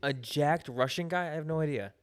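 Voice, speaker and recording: A man's voice: fairly high pitch, brisk, smooth. A young man co-hosting a podcast in casual chat, blunt and skeptical, swearing offhandedly. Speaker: podcast co-host.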